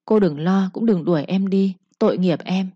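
A woman's voice: lowish voice, normal speed, husky, no room sound, highs cut off. A woman voicing a young servant girl who answers her mistress humbly and pleads with her. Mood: pleading.

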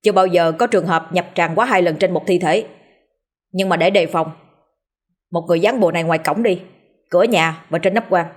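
Brief: woman doing brisk dismissive exorcist, low husky voice. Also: natural voice. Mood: curt. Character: calm curt young male exorcist.

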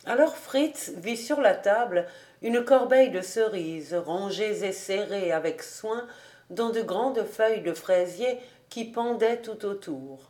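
A woman reading a classic novel aloud as an audiobook, in calm, deliberate storybook narration. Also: medium pitch. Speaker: audiobook reader.

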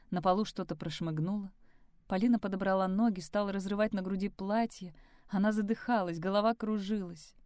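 Female audiobook narrator, expressive and dramatic, mid pitch, dry close sound. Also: no echo. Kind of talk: audiobook story reading.

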